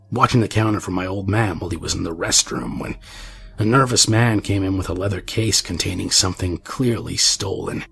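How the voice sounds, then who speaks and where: A man voicing a haunted, paranoid man who speaks in a hushed, quavering way in a horror story. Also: deep voice, vocal fry, a little hiss or hum, exaggerated voice.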